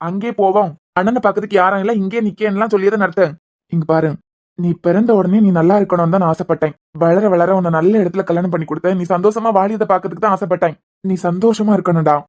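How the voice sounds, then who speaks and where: A woman's voice: mid-range voice, a little mellow, natural voice. A woman voicing a caring adult elder brother in a cartoon series, speaking in a soothing, tender way with a Kanyakumari Tamil accent. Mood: reassuring. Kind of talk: cartoon web series voice acting.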